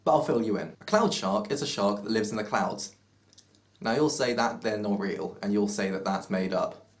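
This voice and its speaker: A man's voice: fairly low pitch, moderate pace. A young man in a casual vlog, rambling through playful mock-serious tangents. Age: young adult. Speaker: vlogger.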